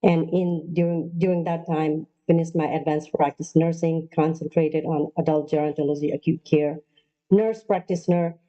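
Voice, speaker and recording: A woman from Nepal giving an online lecture as a nurse practitioner, pausing often with ums and uhs. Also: deep voice, steady tone, warm tone, muffled recording. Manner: halting, many ums and uhs. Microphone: video call.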